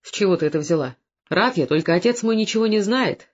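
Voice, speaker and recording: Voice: medium pitch, expressive, fast talker, natural voice. Reader doing timid young village man, pleading, hesitant, dull audiobook. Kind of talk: audiobook dialogue reading. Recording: dull lo-fi recording.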